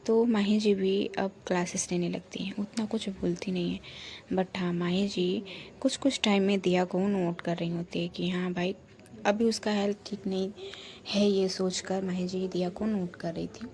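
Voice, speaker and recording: Female storyteller, casual and chatty narration, mellow tone. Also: medium pitch, level tone, normal speed. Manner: chatty, repetitive framing of who says what.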